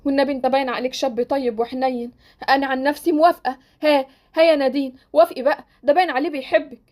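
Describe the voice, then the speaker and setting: A woman's voice: high voice, fairly even intonation, racing, a little mellow, close to an everyday voice. A woman voicing an affectionate, teasing middle-aged mother in an Egyptian Arabic Roblox drama. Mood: soothing. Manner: affectionate, joking.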